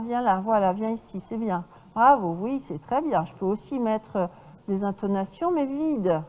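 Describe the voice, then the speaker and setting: A woman horse trainer giving a lecture to an audience, lively and demonstrative, often checking in with her listeners. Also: a little high, in a large hall, poor audio.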